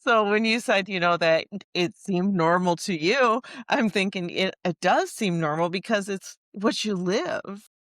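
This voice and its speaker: A woman's voice: mid-range voice, animated, a little slow, fairly bright tone, dry recording. A woman hosting a podcast in casual interview chat, chatty and agreeing, laughing along. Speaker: podcast host.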